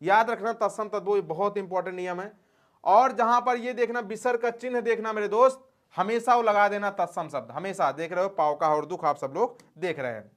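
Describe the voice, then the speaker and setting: A man's voice: high-pitched, brisk. A man teaching grammar for exams in a folksy manner, asking questions and answering them himself and calling his students dear friends. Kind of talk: exam-prep lesson.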